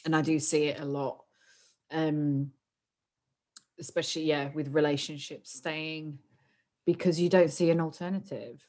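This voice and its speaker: A woman's voice: low voice, fairly even intonation, a little slow, long pauses, warm tone. A young woman co-hosting a podcast, chatting openly and emotionally, laughing often. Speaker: podcast co-host. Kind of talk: casual chat.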